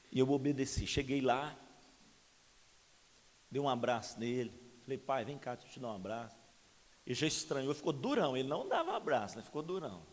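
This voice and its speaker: Animated male preacher in an echoing hall. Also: medium pitch. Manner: animated storytelling, acting out voices. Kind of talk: sermon with personal testimony. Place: church summer camp hall. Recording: reverberant church hall.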